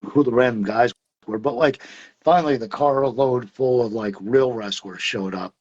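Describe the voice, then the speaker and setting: A man's voice: medium pitch, moderate pace. A middle-aged man, telling stories as an interview guest in a loose, rambling way, laughing often and full of fillers. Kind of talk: casual storytelling interview. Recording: dull lo-fi sound.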